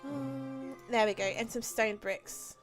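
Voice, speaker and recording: A young Australian woman with a slightly high voice chats slowly and casually while live-streaming a game, with soft music in the background. She's chatty, full of ums and restarts, and laughs easily.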